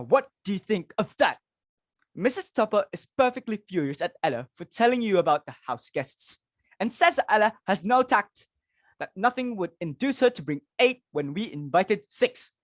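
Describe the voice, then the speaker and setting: A woman with a fairly low voice performs an imperious, flustered middle-aged hostess and mother in a stage comedy reading, exclaiming dramatically and repeating herself for emphasis. She starts gushing and insistent, then turns brisk and put out. The studio-quality audio has no echo.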